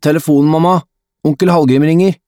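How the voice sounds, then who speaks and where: Eager teen boy gamer, raised and excited, a male narrator putting him on, dry audiobook sound. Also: mid-range voice, no echo, voice pushed up, lightly acted. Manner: excited, shouting.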